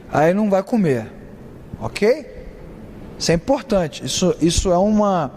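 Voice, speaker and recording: A man's voice: high-pitched, a little mellow, big-room sound, slight background noise. A man teaching a Bible study class in a conversational way, questioning his students and acting out everyday examples.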